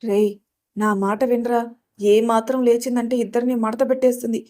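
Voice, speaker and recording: Woman doing a nervous, comic young sidekick, raised pitch. Audio story. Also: fairly even intonation, fairly quick, warm tone, close to an everyday voice. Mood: nervous pleading. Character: nervous young male student, jokey sidekick.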